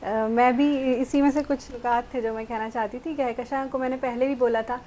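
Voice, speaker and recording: A woman on a TV panel judging young reciters, giving measured, gentle vocal advice. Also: fairly high pitch, fairly even intonation. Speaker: naat competition judge. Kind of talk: studio panel critique.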